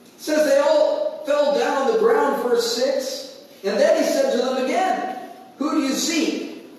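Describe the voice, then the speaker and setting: A man preaching a sermon, animated and acting out quotes in different voices. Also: very high-pitched, a little slow. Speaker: pastor. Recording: roomy hall, distant mic.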